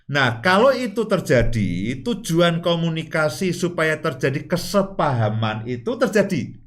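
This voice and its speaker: A man's voice: fairly high pitch, very animated, unhurried. A man co-hosting a show on marriage with his wife. He explains step by step, opens many lines with "nah," and laughs easily as he teases her. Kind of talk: instructive talk on marriage.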